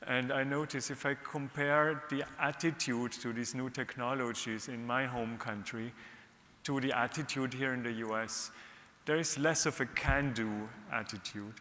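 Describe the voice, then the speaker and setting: A man from Austria, an economist on a panel, giving measured, earnest advice. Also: medium pitch, fairly even intonation, bright, forceful tone. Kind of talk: panel discussion remarks. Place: large conference hall. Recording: reverberant hall.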